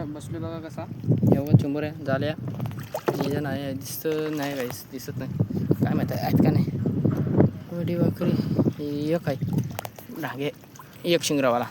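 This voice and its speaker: Filming on a phone outdoors by the water, a man with a slightly high voice vlogs casually as he checks crab nets. He chats to viewers and points things out, with heavy background noise throughout.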